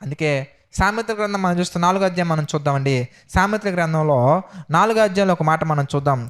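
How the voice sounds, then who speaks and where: Male preacher, fairly high and smooth voice, fervent sermon full of rhetorical questions. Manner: rhetorical questions, swings between loud exhortation and quiet prayerful tones. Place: church.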